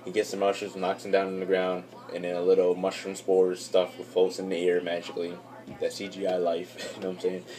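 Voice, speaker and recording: A man's voice: low voice, completely flat delivery, fairly quick, warm tone. A young man giving a casual, rambling episode recap for his channel, full of fillers and restarts. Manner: rambling, filler-heavy, loses track. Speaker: YouTube reviewer.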